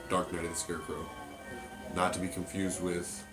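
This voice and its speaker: A deep-voiced man with a cold sounds stuffed up as he unboxes and reviews a mask from his collection, talking through a mask at a level tone and normal speed. His chat is offhand and rambling, packed with fillers. Loud music from a movie plays behind him.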